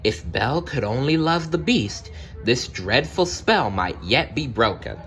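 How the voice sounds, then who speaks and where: A man voicing a kindly, hopeful male servant in a storybook, speaking in a hushed way. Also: mid-range voice, lively intonation, unhurried, soft background music, pitched above the performer's own voice.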